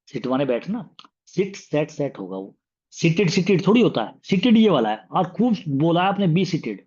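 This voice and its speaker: A male teacher, voice sitting a little high, runs an exam-prep grammar lesson. He explains in quick Hindi, then slows down and leans hard on each English example sentence. The recording sounds muffled and lo-fi. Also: big pitch swings, darkish tone, slightly rough.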